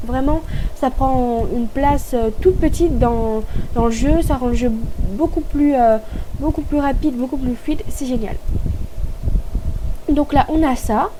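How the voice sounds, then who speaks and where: High-voiced woman explaining a game tutorial. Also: noisy background. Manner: chatty and explanatory, frequent hesitations. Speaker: gaming tutorial host. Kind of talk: casual tutorial voice-over.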